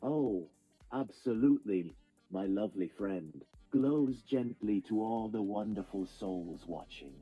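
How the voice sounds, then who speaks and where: A man's synthetic voice playing a gentle, whimsical ghost-cat AI toy with an English accent, speaking in flowery, poetic lines. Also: on the low side, lively intonation, measured pace, breathy edge, dull audio, faint music behind. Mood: whimsical farewell. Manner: flowery, poetic, reads out its own actions.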